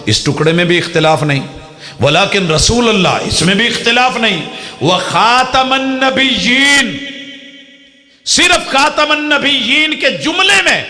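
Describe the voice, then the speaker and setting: Man, middle-aged, fiery sermon, fairly high voice, dramatic swings to loud emphatic peaks. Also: very animated. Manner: dramatic, mimics opponents' pleading then rises to loud emphatic peaks. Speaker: preacher. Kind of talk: fiery religious speech.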